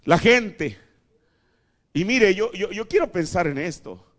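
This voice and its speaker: Male preacher, high-pitched, dramatic sermon, hushed then shouting. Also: lively intonation, slow pace. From Mexico. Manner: dramatic, swinging from hushed asides to shouted emphasis. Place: church tabernacle.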